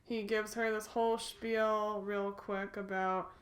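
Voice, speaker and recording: A woman's voice: medium pitch, level tone, slow, reverberant. A woman co-hosting a podcast, chatting casually as she recaps a film, laughing often and swearing now and then. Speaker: podcast co-host.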